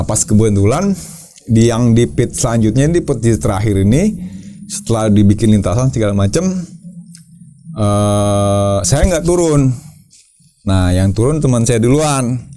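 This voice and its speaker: A man who leads a caving team, telling his story to an interviewer in a casual, lively way, repeating his words and acting out shouts. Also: medium pitch, a little slow, long pauses, faint music behind.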